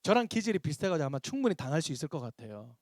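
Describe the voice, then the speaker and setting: High-voiced pastor telling lively stories. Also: male voice, racing, dry recording, studio quality. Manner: animated storyteller acting out dialogue. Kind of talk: seminar lecture with acted anecdotes.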